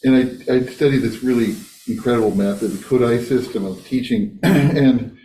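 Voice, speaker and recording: Man, mid pitch, earnest explanatory sharing, distant mic, reverberant room. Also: warm tone. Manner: earnest, explanatory, clears throat. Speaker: music teacher sharing in discussion. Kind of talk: reflective group discussion. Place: Zen center meditation hall. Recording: echoey hall, distant mic.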